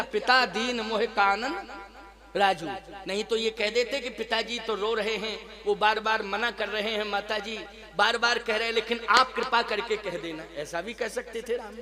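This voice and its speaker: High-voiced man giving a slow sermon. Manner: rhetorical questions to the audience, chants scripture lines. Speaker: spiritual preacher. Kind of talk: devotional sermon with sung verses. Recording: music playing behind the voice.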